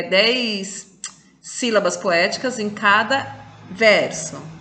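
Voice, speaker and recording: Woman teacher, slow patient explaining, roomy echo. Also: medium pitch, sharp tone. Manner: patient, explains step by step, counts syllables aloud. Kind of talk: recorded online class. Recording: echoey room.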